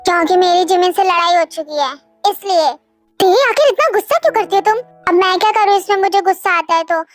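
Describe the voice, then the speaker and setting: A woman's voice: extremely high pitch, fast talker. A young woman voicing a short-tempered young woman who scolds bluntly, in a storybook reading. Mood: scolding. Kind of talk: storybook voice acting. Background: faint background music.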